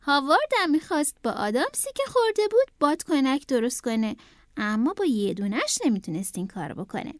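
A woman's voice: high-pitched, very animated, no room sound, studio quality. A young woman reading a picture book aloud to children, speaking to them directly in a sing-song way. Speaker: children's storyteller.

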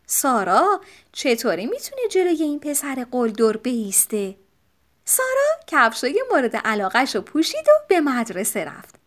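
Animated woman reading a children's storybook. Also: high-pitched. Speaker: audiobook narrator.

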